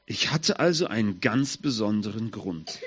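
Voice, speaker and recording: A man telling a Bible story in the first person as a lame, humble young man, asking his listeners questions in a slightly husky voice. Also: lowish voice, expressive, moderate pace, fairly bright tone, muffled recording, voice pushed down. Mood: excited. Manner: addresses listeners directly, asks them questions.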